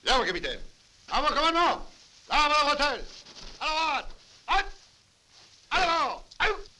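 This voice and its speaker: Army drill sergeant, male, barking orders at very high pitch, piercing and forceful, period war-film dub. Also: very animated, racing, full character voice. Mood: commanding. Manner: drill sergeant bark, shouting commands. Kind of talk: French film dub acting.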